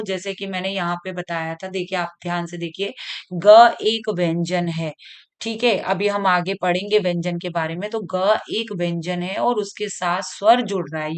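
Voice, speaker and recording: A woman's voice: mid-range voice, clean tone. A woman teacher giving an online grammar lesson to children, patiently repeating and sounding out letters one by one. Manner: slow, patient, repeats key sounds aloud.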